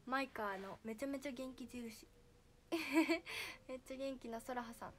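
Speaking a little slowly in a high voice, this teen idol sounds slightly nasal, and there's a faint hiss or hum on the recording. She's chatting casually on her livestream, calling out viewers by name with cheerful hellos.

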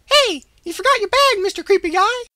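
A woman's voice: very high voice, lively intonation, brisk, sharp tone, clean studio sound, exaggerated voice. A woman voicing a bossy, hot-tempered teenage schoolgirl in an anime parody, indignant and demanding, in a roomy, echoing recording.

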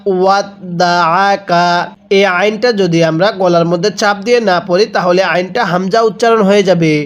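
A man teaching Quran reading, spelling each word syllable by syllable and asking the viewer to repeat after him. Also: high voice. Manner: drills syllables aloud, repeating and asking "how will we read?". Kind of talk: slow spelling-out recitation lesson.

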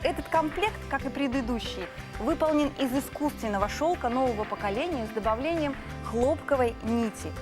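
A woman presenting a gushing infomercial sales pitch as a TV shopping host, lingering on descriptive words for emphasis. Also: expressive. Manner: gushing, drawn-out emphasis on sensual adjectives. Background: background music.

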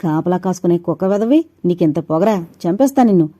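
A woman's voice: fairly low pitch, flat delivery, fairly quick, warm tone, no echo, natural voice. A woman reading a story voices a curt, hot-headed young man. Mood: furious.

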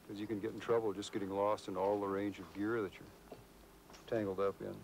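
Middle-aged male field scientist, unscripted on-camera explanation outdoors, warm dark voice, faint hum. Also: on the low side, level tone, a little fast, gravelly, poor audio. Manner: unscripted, explains with gestures, some restarts. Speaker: scientist explaining geology and diving. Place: outdoors by a rocky cliff.

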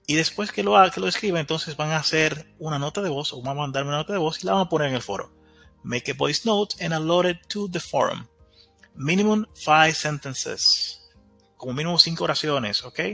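A male English teacher giving a lesson in Spanish, repeating English words slowly and checking in with the students often. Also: fairly high pitch, creaky, bright, forceful tone. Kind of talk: recorded mini-lesson.

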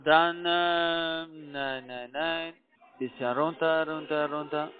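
Soft music plays behind a high-pitched man on a tinny narrowband phone line who speaks slowly with fairly even intonation. He is a call center agent posing as IT support, and his German is foreign-accented and not his native tongue. His step-by-step instructions are repetitive and full of checking tag questions.

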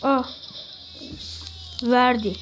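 A young-sounding, voice giving excited, casual football game commentary, exclaiming and shouting at goals and misses. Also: mid-range voice, drawn-out words, faint music behind. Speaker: gamer commentating own football career-mode play.

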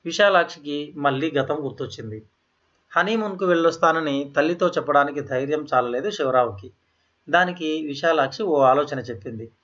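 Man narrating a story, slightly higher voice. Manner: steady, measured reading. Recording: slightly dull, lo-fi audio.

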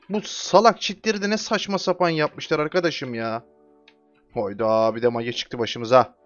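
Brief: male gamer, slightly higher voice, trash-talks enemies, muffled mic. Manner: trash-talks enemies, excitable, calls them over with repeated shouts. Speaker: gamer streaming his play. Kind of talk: casual gameplay commentary. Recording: dull lo-fi mic with music behind.

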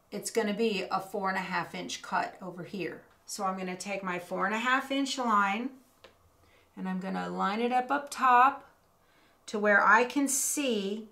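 Bright and forceful, her mid-range voice guides a methodical, hands-on quilting lesson. She's a middle-aged instructor working at a cutting table in an indoor craft studio, where the recording carries roomy echo and clear background noise.

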